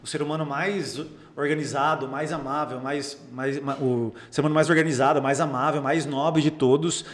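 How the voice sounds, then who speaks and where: A man's voice: fairly high pitch, normal speed, hardly any pauses. A young Brazilian man, a psychologist, chatting casually on a podcast and acting out the remarks he quotes. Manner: animated storyteller, acts out quoted remarks, frequent restarts. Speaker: psychologist guest.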